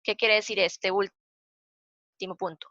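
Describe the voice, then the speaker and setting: A woman's voice: medium pitch, steady tone, pushed and bright, no room sound. A woman with a Costa Rican accent, a librarian explaining slides in a training session, patient and repeating her points. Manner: patient, repeats points, counts aloud slowly. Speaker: librarian giving a citation workshop. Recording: dull, dry lo-fi sound.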